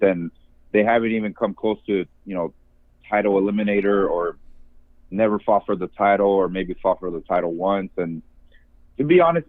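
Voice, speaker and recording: A man's voice: fairly low pitch, no echo. A man calling a talk show by phone, giving his opinions in a casual, rambling way. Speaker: caller to an MMA talk show. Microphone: phone line. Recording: narrow phone-like call.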